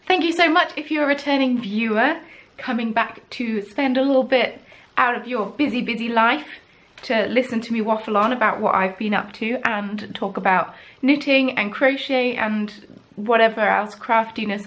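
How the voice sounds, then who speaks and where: This is casual chat from a crafting podcast, hosted by a young woman from the south of England with a Southern English accent. In a medium-pitched, slightly bright voice, she rambles along and makes light of herself.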